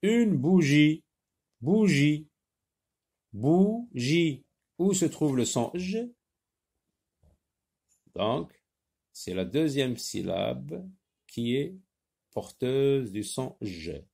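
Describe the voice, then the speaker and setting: A man teaching a reading lesson to young children, slowly modelling sounds and repeating words. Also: mid-range voice, sing-song, gravelly, warm tone, husky.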